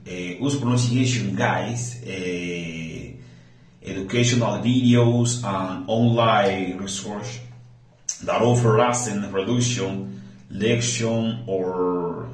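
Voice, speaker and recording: In a prepared speaking-practice monologue, a man from the Dominican Republic speaks hesitantly with a Dominican accent, often restarting and searching for words. His voice is fairly low, and the low-quality recording is reverberant.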